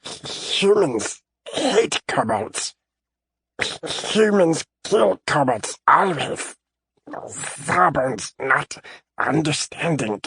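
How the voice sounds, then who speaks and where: Casting: a small, gravelly, scheming kobold, high and very slow, broken grammar. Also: male voice, expressive, a bit bright, no echo, studio quality, full character voice. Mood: suspicious. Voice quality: raspy, gravelly. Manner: broken speech, refers to himself by name. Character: small scheming male kobold creature, raspy. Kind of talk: audiobook character voice.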